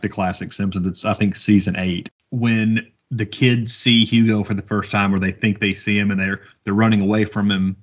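A man in his thirties with a fairly low voice, talking through a casual podcast chat. He rambles, fills gaps with "uh", and chuckles along the way. The recording is dull and lo-fi. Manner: rambling, chuckling, lots of fillers. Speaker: podcast co-host.

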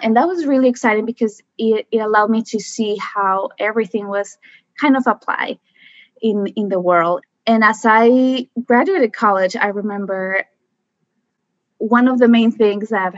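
A woman's voice: on the high side, normal speed, no echo. A chatty woman tells her story at an easy pace, with plenty of fillers and restarts. Her voice comes through a dry, slightly dull remote mic with no room sound. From Mexico. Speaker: guest, environmental scientist. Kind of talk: casual conversation.

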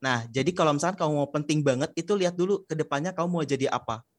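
Young male podcast guest, quick casual explainer, dry close sound. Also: a little high, dry recording. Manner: relaxed and explanatory, with slangy fillers. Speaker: podcast guest, public speaking trainer.

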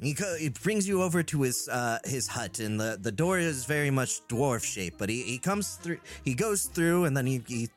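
A man's voice: medium pitch, animated, moderate pace, few pauses, faint music behind. A man running a tabletop game as game master, narrating with many fillers. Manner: rambling with many fillers, laughs while narrating.

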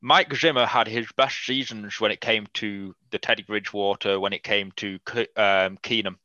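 A man with a bright, forceful voice talks football in a blunt, animated podcast chat, swearing freely. His tone sits a little low. The recording is dry and slightly dull. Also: moderate pace, dry recording. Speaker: podcast guest. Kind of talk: casual sports podcast chat.

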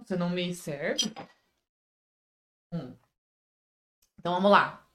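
A woman's voice: on the low side, slow, noisy background. A Brazilian woman hosting a casual podcast, teasing her co-host with dramatic exclamations. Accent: Brazilian Portuguese.

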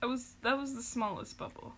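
A young woman hosts a podcast, recapping a show in loose, rambling chat full of fillers and small giggles. Her voice is bright and a little high. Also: steady tone, a little fast. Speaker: podcast host.

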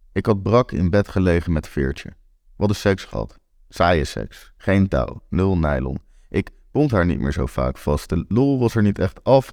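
Low-voiced young man telling his story. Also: a little mellow, no room sound, studio quality. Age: 20s. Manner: candid, wry storytelling. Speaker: narrator. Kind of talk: first-person story reading.

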